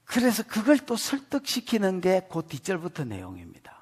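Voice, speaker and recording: Male pastor, Gyeongsang accent, very high voice with swooping pitch, playful and animated sermon delivery at a church service. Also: normal speed, breathy edge. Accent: Gyeongsang Korean. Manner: animated, folksy, teasing, acts out scenes. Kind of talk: expository sermon.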